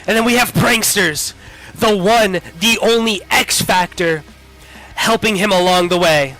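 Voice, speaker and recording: A man's voice: sits high, unhurried, bright, forceful tone, soft background music. A man casting a college esports final, upbeat and hyping up each player, a little under the weather. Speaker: play-by-play caster. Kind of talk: esports commentary.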